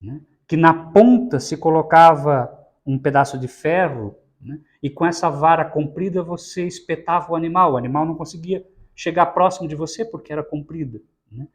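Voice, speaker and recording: A man giving a didactic spiritist Bible lecture. He speaks in a slightly higher-than-average male voice and keeps checking in with "né?". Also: normal speed. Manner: explanatory, frequent tag "né?".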